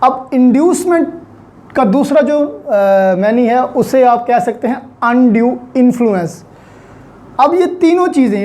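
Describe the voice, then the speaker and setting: A man with a high-pitched, mellow voice and a Pakistani accent delivers an explanatory law lecture. He teaches in a didactic style, repeating key points and mixing in English terms.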